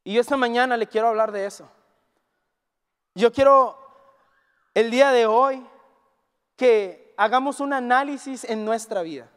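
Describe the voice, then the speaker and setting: The recording is reverberant, captured in a church hall, where a man preaches a Sunday sermon in a very high-pitched, smooth voice with a Mexican Spanish accent. He speaks unhurriedly with long pauses, telling a lively story and voicing the people in it as he quotes them.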